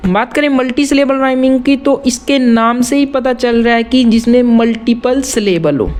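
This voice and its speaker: A man explaining rap writing in a casual tutorial, often repeating words slowly to split them into syllables and mixing English terms into his Hindi. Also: very high-pitched, darkish tone.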